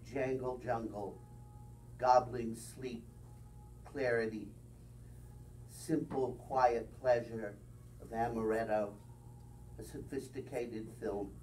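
A middle-aged man reading his poetry at an open mic in a bookstore, slow and deliberate, with wry asides. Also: mid-range voice, steady tone, a little mellow. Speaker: poet. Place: bookstore room with small audience. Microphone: far camera. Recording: distant, faint room noise.

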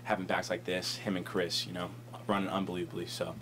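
A young college football lineman answers reporters at a post-game press conference, speaking into a table microphone in an indoor press room. His deep voice barely moves in pitch, and he talks fast and ramblingly, full of fillers like "you know" and "um." The recording is very noisy.

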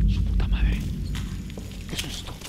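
A man streaming a horror game live, thinking aloud, easily startled and yelping at scares. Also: background noise. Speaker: livestreaming gamer.

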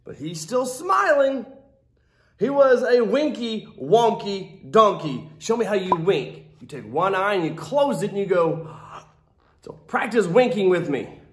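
With a high-pitched, very animated voice at a measured pace, a teacher in his thirties performs a picture book for children. As a storytime host, he reads in an over-the-top theatrical style and slips in playful remarks to his young listeners. It was captured in a classroom with a roomy echo.

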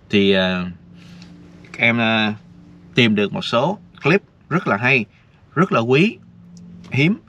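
A man's voice: lowish voice, gravelly, a bit bright. Chatty man. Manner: chatty, addresses viewers directly, rambling. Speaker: vlogger. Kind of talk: casual talk to viewers. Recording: dull lo-fi with faint noise.

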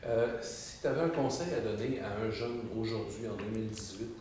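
A man's voice: on the low side, a little fast, a little mellow. A man, presenting a video and asking interview questions in an upbeat way. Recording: echoey room, faint ambient noise.

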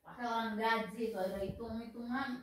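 Woman, casual home banter, plain-spoken, complaining, mid pitch, echoey room. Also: steady tone, brisk, noisy background. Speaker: wife in a family vlog.

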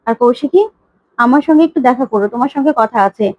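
A woman's voice: on the high side, fast talker, dry recording, muffled recording, close to an everyday voice. Woman voicing a pleading older father figure. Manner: pleading, repeats his plea. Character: emotional older man longing to be called father.

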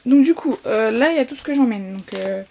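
A teenage girl vlogging casually at home, rambling with lots of fillers and restarts, her voice slightly hoarse. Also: a little high, expressive, a little fast, darkish tone, slight background noise. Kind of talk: casual vlog chat.

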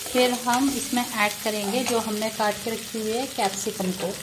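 A cooking vlogger narrates from her home kitchen next to a frying stove, sounding a little high but steady and speaking at a normal pace over background noise. She chats amiably, frequently greeting her audience and sprinkling in religious blessings.

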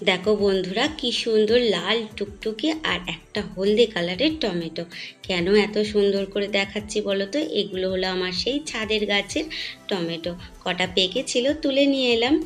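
A woman's voice: mid-range voice, normal speed, soft background music. A middle-aged woman narrating a home cooking and garden vlog. She chats with her viewers and calls them her friends. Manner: chatty, addresses viewers as friends. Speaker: home vlogger.

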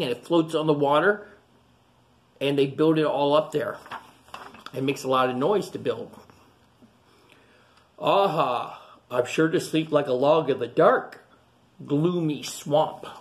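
In a classroom, a teacher in his forties reads a children's picture book aloud and explains the story to the kids between pages. His mid-range voice is animated, and he is recorded indoors on a webcam at close range.

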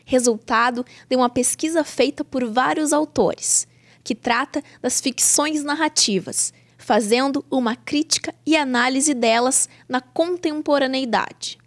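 A young woman reporter with a high voice reads a news voice-over in a clear, scripted way. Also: unhurried.

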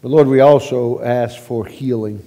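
A man leading a church prayer at a pulpit microphone, halting with repeated words and swelling louder as he prays. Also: mid-range voice, fairly even intonation. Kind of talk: spoken church prayer and announcements. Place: church sanctuary. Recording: long reverb of a church sanctuary.

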